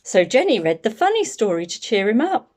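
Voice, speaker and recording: With a slightly high voice, a woman performs a children's picture book out loud, taking her time and giving the story lots of expression.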